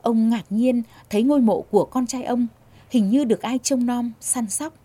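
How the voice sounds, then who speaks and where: A woman reading a story aloud in a calm, measured way. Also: on the high side, slightly rough. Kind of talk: scripted narration.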